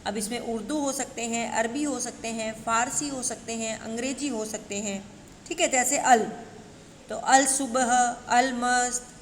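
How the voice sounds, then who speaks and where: A woman teacher with a slightly high voice talks slowly through a list of examples. She speaks to her students like a patient, familiar guide. The recording sounds like a bare room with a long echo. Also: steady tone. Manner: slow, listing examples one by one, calls students "beta". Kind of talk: classroom grammar lesson. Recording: echoey room with long reverb, faint noise.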